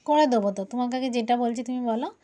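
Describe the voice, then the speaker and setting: High-voiced mother patiently coaxing a child. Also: quick pace, mellow, a little hiss or hum. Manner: patient, coaxing, repeats each question. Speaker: mother teaching her young child. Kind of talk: home lesson quizzing a child.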